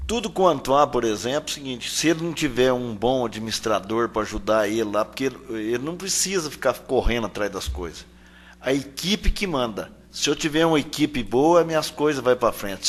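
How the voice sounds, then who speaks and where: A man, a councilman, making measured and explanatory remarks in the council chamber. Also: medium pitch, a bit bright. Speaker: town councilman.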